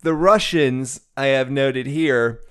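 A man's voice: medium pitch, takes it slowly, fairly bright tone, smooth. A man co-hosting a casual comedy podcast, making wry sarcastic remarks and laughing often. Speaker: podcast co-host.

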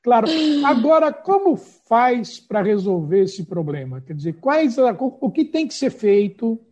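Lively husky podcast host. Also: mid-range voice, a little slow, muffled recording. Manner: reacts with short surprised interjections, asks questions. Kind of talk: podcast interview.

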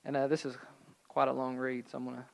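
A middle-aged man preaching a sermon, telling the story in a lively, joking way with asides, and reading scripture slower and softer. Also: mid-range voice, vocal fry, low-quality recording. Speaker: pastor.

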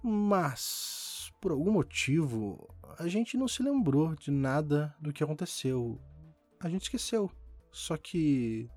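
A man's voice: a little high, big pitch swings, takes it slowly, darkish tone, soft background music. A man hosting a podcast, reading a listener's horror story aloud with dramatic rises and falls for suspense. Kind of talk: scripted horror story narration.

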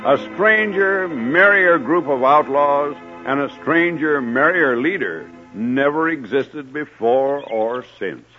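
On a 1950s children's radio show, a man hosts and tells stories in a hearty, folksy way aimed at young listeners. His voice is a little high and slow, with few pauses, and the old recording sounds dull and carries music.

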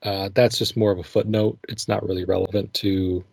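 Low-voiced man in casual podcast chat. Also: a little fast, creaky, dry recording. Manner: relaxed, thinking aloud with fillers and laughs. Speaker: podcast co-host.

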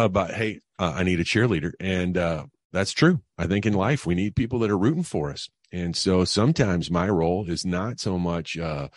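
A man's voice: deep voice, dry recording, clean studio sound. A middle-aged man, a guest on an interview podcast, telling personal stories in a conversational way with many fillers and restarts. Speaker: guest, financial advisor. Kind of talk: casual interview storytelling.

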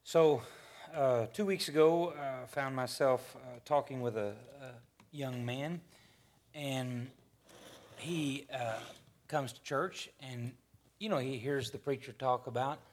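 A man's voice: medium pitch, takes it slowly, slight background noise. Folksy man in his fifties, rambling. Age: 50s. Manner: rambling, self-correcting, folksy. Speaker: church panel host. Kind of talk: casual church discussion.

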